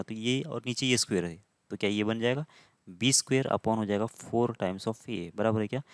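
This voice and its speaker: A man's voice: medium pitch, no echo. A male math teacher giving a conversational whiteboard lecture, often stopping to check that students follow.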